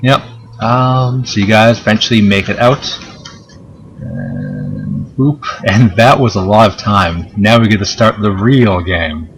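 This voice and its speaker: A man's voice: on the low side, sing-song, measured pace, gravelly, a little hiss or hum. A man running a tabletop game as game master, narrating casually in a hesitant, chatty, jokey way. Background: background game music.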